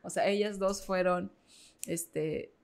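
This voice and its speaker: Woman guest, gravelly voice, candid storytelling, lots of fillers. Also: medium pitch, fairly even intonation, slow, darkish tone. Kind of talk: casual interview chat.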